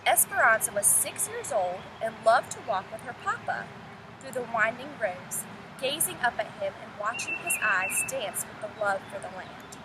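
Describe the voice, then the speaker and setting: A teacher with a fairly high voice reads a storybook aloud to children outdoors in the open, speaking expressively at a moderate pace and talking directly to her young listeners. Wind and traffic make the recording noisy, though the outdoor sound comes through clearly.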